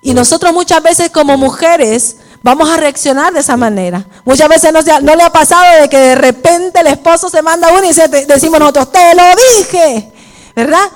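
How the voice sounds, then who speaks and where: Woman preaching at a ladies' church service, high voice, keeps asking "you get me?". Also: fairly quick, few pauses. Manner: repeats "¿me entiende?" to the listeners; personal testimony woven into preaching. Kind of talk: sermon.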